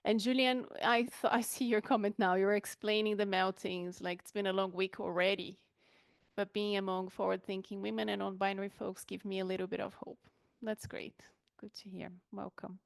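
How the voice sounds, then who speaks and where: A woman hosting an online welcome session, chatting in a relaxed way with fillers and small laughs over a video call. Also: mid-range voice, moderate pace, vocal fry, dry recording, clean studio sound. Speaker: online event host. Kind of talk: friendly facilitation on a video call.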